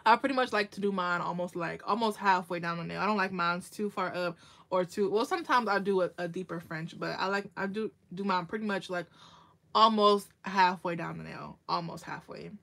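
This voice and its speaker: A woman's voice: fairly low pitch, brisk, creaky, a bit bright. A woman hosting a casual nail art tutorial livestream, chatting with viewers by name and laughing often as she works.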